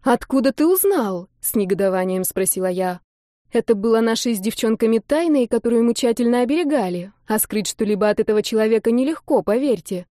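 A woman reading a first-person romance audiobook aloud, expressive in the dialogue. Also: on the high side, fast, dry recording, clean studio sound. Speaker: audiobook narrator.

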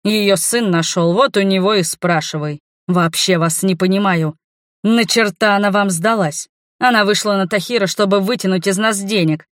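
A woman's voice: medium pitch, normal speed, no echo, clean studio sound, natural voice. A woman voicing an arrogant older father who talks in a contemptuous, dismissive way.

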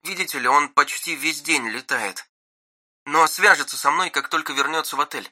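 A man playing a flustered high-voiced secretary. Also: moderate pace, pushed and bright, dry recording. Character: flustered middle-aged female secretary.

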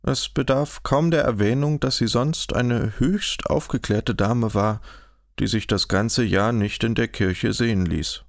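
A man narrating a historical novel in an audiobook, in a measured, even storytelling manner, close to the mic. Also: medium pitch, no echo. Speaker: audiobook reader. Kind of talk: scripted narration.

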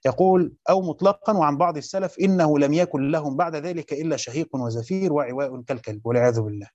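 Fast-talking Egyptian man giving a lesson. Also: a little high, darkish tone, dry recording, muffled recording. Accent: Egyptian Arabic. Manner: reads a passage aloud, then explains it and quizzes listeners. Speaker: teacher of Quran commentary. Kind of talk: classroom lecture reading and explaining a text.

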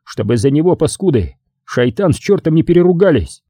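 Guy doing a gruff partisan commander, dark husky voice, curt orders. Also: on the high side, sing-song, a little fast, no room sound, clean studio sound, voice pushed up. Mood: gruff commanding. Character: gruff middle-aged male partisan commander.

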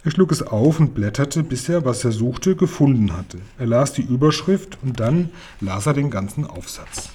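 A man reading a children's novel aloud, telling it lively and giving the characters their lines. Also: medium pitch, normal speed, hardly any pauses, husky. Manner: lively storytelling with voiced dialogue. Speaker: reader.

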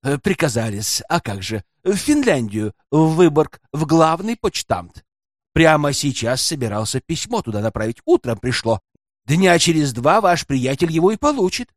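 Guy putting on a hushed mercenary porter, sly servant talk, a bit high and bouncy. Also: big pitch swings, moderate pace, no echo, clean studio sound. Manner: sly, folksy, servile, hushed. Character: sly greedy male hotel porter, servile, mercenary. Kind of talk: audiobook character voice.

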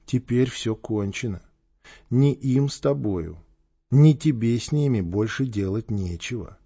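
A man voicing a calm, stern boy commander who speaks quietly and firmly. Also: medium pitch, unhurried, slightly rough, highs cut off.

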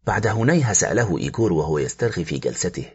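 A man narrating a suspense story as an audiobook, expressive and tense, in a slightly muffled recording with faint music. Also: sits low, rapid-fire, breathy edge.

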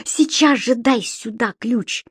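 A woman's voice: a little high, slow pace, breathy edge, no room sound, studio quality, voice pushed up. A woman doing a flustered grown man. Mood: stern.

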